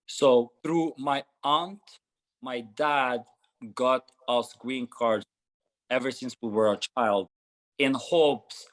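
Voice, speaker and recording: A man's voice: medium pitch, slow pace, low-quality recording. A man in his thirties from Norway, a gym founder answering interview questions earnestly with frequent restarts. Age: 30s.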